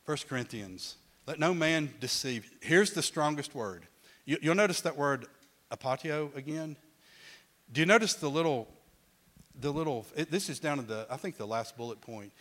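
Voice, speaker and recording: A man's voice: fairly high pitch, lively intonation, moderate pace, fairly bright tone. A middle-aged man teaching a Bible class in a conversational way, often restarting words and putting questions to his listeners.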